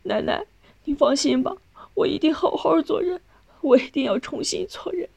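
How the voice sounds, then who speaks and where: A woman's voice: sits high, slow pace, voice pushed up. A woman voicing a remorseful young male offender who pleads tearfully with his family.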